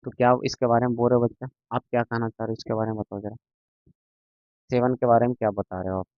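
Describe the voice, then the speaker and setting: A man's voice: mid-range voice, flat delivery, fast talker, no room sound. A man teaching a maths lesson to a class, patient and repetitive, often checking that students follow. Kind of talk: classroom lecture. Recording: dull lo-fi sound, dry.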